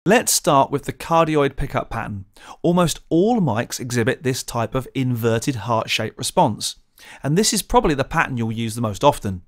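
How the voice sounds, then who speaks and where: A man presenting a scripted audio tutorial, explaining clearly and methodically into a close studio condenser mic. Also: medium pitch, animated, normal speed. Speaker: presenter of a gear channel.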